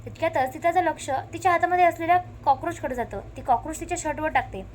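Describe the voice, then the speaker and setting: A woman recaps a television serial episode, narrating lively and quoting the characters' lines one after another. Her voice sits high, she talks fast, and there's slight background noise.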